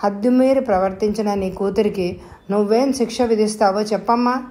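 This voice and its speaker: A woman voicing a weak, guilt-ridden young daughter in an audio novel, speaking slowly and quietly. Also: mid-range voice, close to an everyday voice. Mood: subdued. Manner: slow, quiet, subdued.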